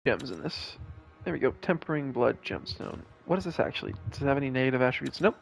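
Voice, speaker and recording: A man's voice: medium pitch, lively intonation, fast, gravelly. A tired young man streaming a game, rambling in casual commentary with many fillers, restarts and swearing. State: tired, yawning. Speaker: gaming streamer. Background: game music underneath.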